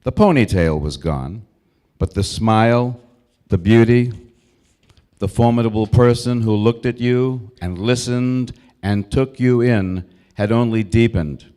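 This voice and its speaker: An American man in his sixties delivering a prepared eulogy, telling memories in a measured, reflective way with short, deliberate phrases. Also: medium pitch, warm tone. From Brookline, Massachusetts, United States. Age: 60s. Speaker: eulogist, old school friend of the deceased.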